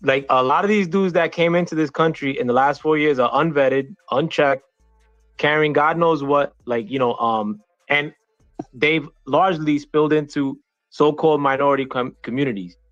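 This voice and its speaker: A man from the United States making a point on a political call-in panel, halting and restarting with lots of fillers. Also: a little high, a bit bright, no echo, dull audio, soft background music. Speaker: panel caller. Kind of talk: heated political debate.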